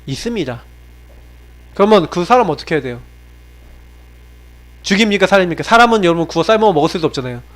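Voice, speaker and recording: A man preaching a sermon to his congregation as pastor, swinging between raised exhortation and low, confiding tones, and asking many rhetorical questions. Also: animated, fast, pauses often. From South Korea. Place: church sanctuary.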